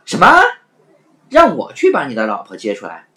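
A woman's voice: very deep voice, huge pitch swings, normal speed, fairly bright tone, faint music behind, exaggerated voice. A woman voicing a nervous young male waiter at an inn, given to startled exclamations. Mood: alarmed. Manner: jumpy, exclaiming.

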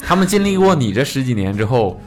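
A woman in casual chat, reassuring and teasing with quick questions. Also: rumbling low, very animated, soft background music.

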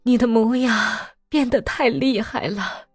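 A woman reading a novel aloud, voicing an aging peasant mother who speaks softly and tearfully to comfort her daughter. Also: on the high side, a little slow, breathy edge, no room sound, studio quality, faint music behind, pitched above the performer's own voice.

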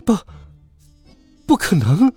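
A man's voice: high voice, huge pitch swings, takes it slowly, a little mellow, voice pushed up, exaggerated voice. A man voicing a sly female child trafficker who coaxes in a sing-song voice and shrieks when frightened. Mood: panicked. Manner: coaxing sing-song, then shrieking in fear. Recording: dry close recording with faint music.

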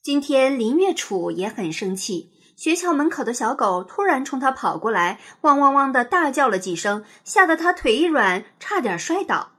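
A woman reading a children's picture book aloud in an expressive, sing-song storytelling manner. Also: high-pitched, normal speed, few pauses, slightly rough.

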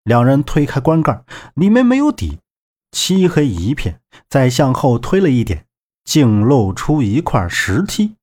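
A man narrating an adventure audiobook with dramatic, expressive storytelling. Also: mid-range voice, unhurried. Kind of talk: scripted narration.

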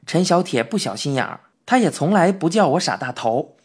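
A woman reading a children's story in the first person with a Beijing accent, lively and humorous. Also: low voice, fairly quick, husky. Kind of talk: storybook narration. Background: faint music.

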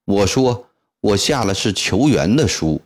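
Man doing a frightened middle-aged clerk, tearful pleading, low slow voice, storybook. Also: lively intonation. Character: terrified middle-aged male clerk begging for mercy.

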